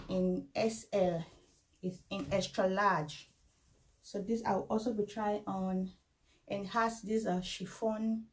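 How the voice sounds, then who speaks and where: Slow-talking woman vlogger at home. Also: medium pitch, darkish tone, low-quality recording. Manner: unhurried, halting, with frequent fillers. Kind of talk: casual try-on haul vlog. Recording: faint background noise.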